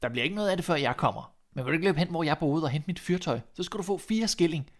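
A man's voice: fairly high pitch, expressive, voice pushed up. A man voicing a bold young soldier in a fairy tale, speaking eagerly and urgently in a raised voice. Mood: urging.

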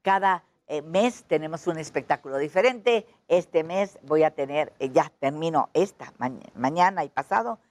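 A middle-aged woman with a Mexican accent, a performer chatting as an interview guest and telling animated stories full of quoted dialogue. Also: low voice, normal speed, few pauses. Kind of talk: casual interview chat.

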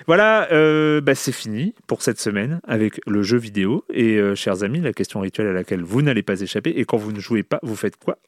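A man's voice: lowish voice, expressive, fairly quick, few pauses, no room sound, studio quality. Chatty man hosting a podcast. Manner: leads the talk, chatty with fillers. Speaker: podcast host. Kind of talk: casual chat.

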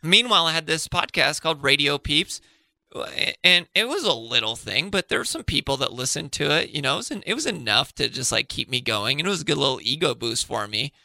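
A man's voice: fairly high pitch, expressive, a little fast, gravelly, pushed and bright, no echo. A man chatting casually as a podcast guest, rambling and swearing, trailing off and restarting his sentences. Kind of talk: casual chat.

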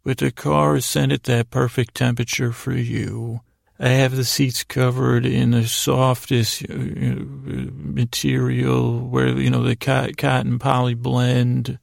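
A sleep podcast host rambles through a bedtime monologue meant to help listeners drift off, his sentences halting and often self-interrupted. His voice is heavily creaky and gravelly, held at a fairly even pitch, and he sounds lulling and a little self-deprecating. The recording is close and dry.

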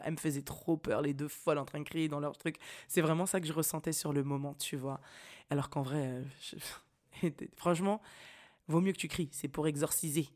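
A young woman hosting a podcast, telling a personal story in a casual, slangy, animated way and laughing often. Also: low-pitched. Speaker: podcast host.

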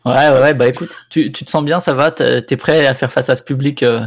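A man co-hosting an awards show with casual, teasing and halting banter. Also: mid-range voice, fairly even intonation.

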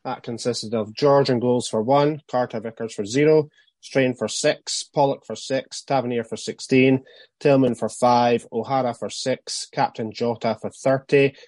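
A man's voice: mid-range voice, steady tone, moderate pace, a little mellow, no echo. A man chatting casually about fantasy football as a podcast panelist.

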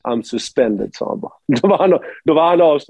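Brief: former hockey pro from Sweden, lively rambling storyteller, mellow voice, dry muffled recording. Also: male voice, a little high, creaky, no room sound. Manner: animated storyteller, many restarts, quotes others. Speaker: former ice hockey player, guest. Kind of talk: casual anecdote-telling.

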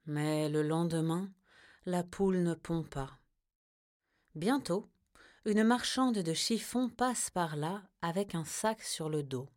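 A woman narrating a children's storybook in a gentle, expressive reading. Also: on the low side, takes it slowly.

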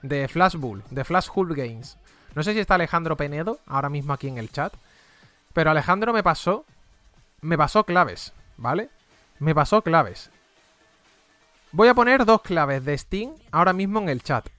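Chatty Spaniard with a fairly high voice. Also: male voice, lively intonation, normal speed, fairly bright tone, dry recording, soft background music. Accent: Spain Spanish. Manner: chatty, exclaims and mutters asides. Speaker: streamer running game key giveaways. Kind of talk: casual live-stream chat.

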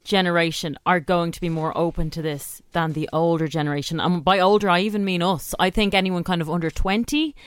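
A woman's voice: fairly low pitch, fairly even intonation, brisk, hardly any pauses, clean tone, no echo. A woman with an Irish accent co-hosting a radio show with chatty, informal delivery. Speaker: radio co-host. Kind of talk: casual radio banter and prize read.

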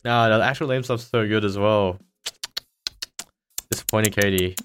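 A man hosts a casual podcast chat, teasing his co-host and laughing often, with lively swings in pitch. He speaks at a normal speed in a smooth voice, Chinese is not his first language, and faint music plays behind.

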